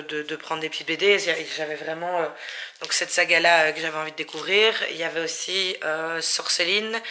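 A woman's voice: lowish voice, bright, forceful tone. A woman chatting casually at home in a book vlog, hesitant with many fillers and restarts. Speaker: book vlogger.

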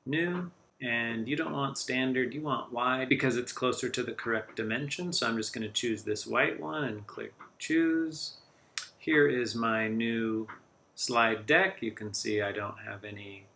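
A man explains a computer task one click at a time, in an easygoing teaching tone. His voice sits in a middle register with a gravelly fry at the ends of phrases. It sounds like a tutorial narrated over a screen recording. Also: medium pitch, a little hiss or hum. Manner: relaxed step-by-step walkthrough.

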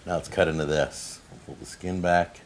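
Deep-voiced man demonstrating a recipe. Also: steady tone, normal speed. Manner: upbeat, instructional. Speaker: home cooking video host. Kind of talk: casual cooking demonstration. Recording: older video with faint background noise.

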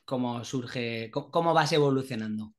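A man, hosting a relaxed, jokey interview over a video call. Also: medium pitch, normal speed. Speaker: host. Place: small home office. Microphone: earphones with mic on video call.

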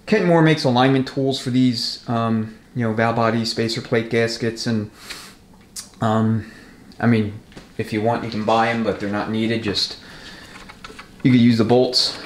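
In an echoey indoor repair shop, a transmission rebuilder walks through the job step by step in a casual, practical tutorial as he works. His medium-pitched voice is fairly even and a little slow with long pauses, amid noticeable noise and clicking tools.

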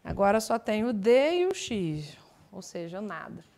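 A woman teaching English in a live online exam-prep class, explaining in a chatty way with lively asides. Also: medium pitch, a little slow, gravelly. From Brazil.

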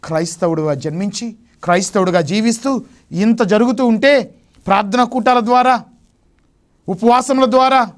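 High-voiced man preaching emphatically. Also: moderate pace, pauses often. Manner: emphatic preaching, rising sharply on key phrases. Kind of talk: Lenten sermon. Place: television studio.

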